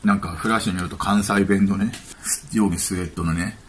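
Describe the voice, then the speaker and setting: A man's voice: sits low, fairly even intonation, brisk, slight background noise. A man giving casual spoken commentary as a YouTube commentator, chatty and offhand, thinking aloud.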